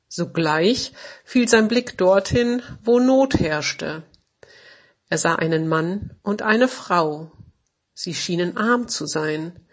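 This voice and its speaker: A woman narrating a children's story in a gentle, measured storybook reading. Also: mid-range voice.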